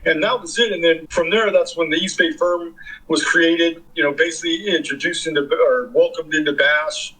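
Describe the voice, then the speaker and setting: A man's voice: a little high, steady tone, normal speed, bright, forceful tone, slightly rough, low-quality recording. A man in his fifties from the California Bay Area, a guest in an interview, telling long stories in a rambling, profane, casual way. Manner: rambling, profane, filler-heavy. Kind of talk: casual storytelling.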